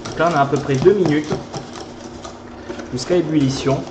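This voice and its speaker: A man's voice: a little high, moderate pace. A man with a Toulouse accent teaching a live pastry lesson, chatting as he whisks and stirs at the stove. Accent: Toulouse French. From southern France. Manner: chatty, talks while whisking and stirring. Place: kitchen. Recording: echoey kitchen with clear background noise.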